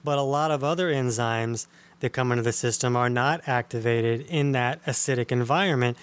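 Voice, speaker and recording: A man hosting a health talk, explaining digestion in a casual, patient way with frequent pauses and fillers. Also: medium pitch, clear, resonant tone.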